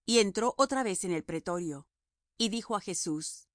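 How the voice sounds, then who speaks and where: A woman narrating a scripture audiobook in a measured, solemn reading. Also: mid-range voice, lively intonation, dry recording, clean studio sound.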